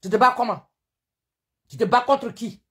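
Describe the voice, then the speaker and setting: Hosting a live-stream rant, a woman speaks at a moderate pace in a high, slightly bright voice with an Ivorian French accent. Indignant and scolding, she fires off the same rhetorical questions repeatedly.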